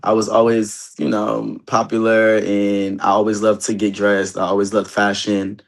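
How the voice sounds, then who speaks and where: A man's voice: lowish voice, monotone, moderate pace, gravelly. Chatty man. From Queens and Harlem, New York, later Delaware. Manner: chatty, emphatic, repeats himself. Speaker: interview guest, celebrity stylist and reality show cast member. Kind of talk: casual interview chat. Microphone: phone on a video call.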